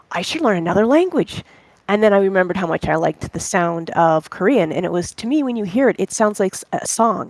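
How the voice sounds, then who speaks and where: A monolingual native English speaker, an online language-club member being interviewed, tells casual, rambling stories full of animation and voices their inner thoughts aloud. The voice sits in the mid range, with no room sound.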